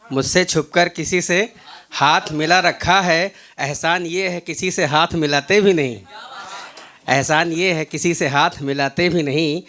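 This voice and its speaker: A guest poet with a Hindi accent reciting shayari at an open mic, repeating each line. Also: male voice, fairly high pitch, fairly even intonation, measured pace, pushed and bright. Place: open mic event venue.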